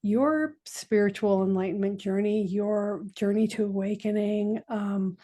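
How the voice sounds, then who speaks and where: A woman hosting a podcast, asking questions in a gentle, reflective way with small pauses. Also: mid-range voice, fairly even intonation. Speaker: podcast host. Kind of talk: interview questions.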